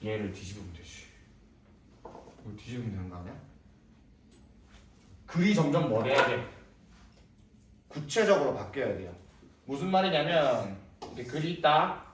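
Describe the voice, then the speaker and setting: A man's voice: medium pitch, sing-song, normal speed, pauses often, a little hiss or hum. A young male English teacher lecturing a class, firing questions at students and repeating words as a drill, heard from a distance in a classroom. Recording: echoey room, voice from a distance.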